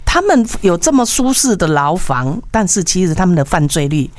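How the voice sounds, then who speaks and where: Co-hosting a relaxed call-in radio show that blends Mandarin with Taiwanese Hokkien, a Taiwanese-accented woman talks colloquially and emphatically, full of repeated phrases and tag particles. She sounds very animated, with a lowish voice at normal speed and no room sound.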